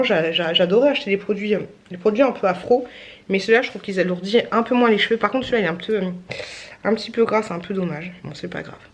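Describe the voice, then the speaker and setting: A woman's voice: mid-range voice, a little hiss or hum. A young woman vlogging in casual, rambling chat, a little tired, with many fillers.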